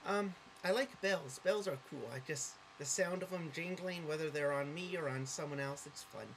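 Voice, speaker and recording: A woman with a low-sitting voice talks casually to camera at normal speed in a vlog monologue. She rambles, often corrects herself, and gets sidetracked, coming across as earnest and openly affectionate, on a low-quality recording with a little hiss or hum.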